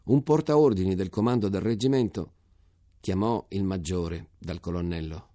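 A man reading a novel aloud in a measured, sober storytelling manner, close to a studio microphone. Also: deep voice, warm tone, no room sound. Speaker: reader.

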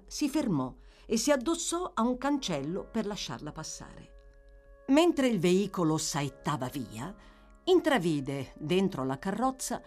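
Brief: woman narrator, literary audiobook, lively melodic reading. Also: fairly low pitch. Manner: expressive, measured storytelling.

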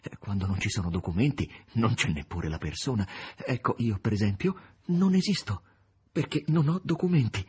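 A man voicing a timid, bewildered writer who speaks hesitantly, with a husky voice. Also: lowish voice, lively intonation, moderate pace, a little mellow.

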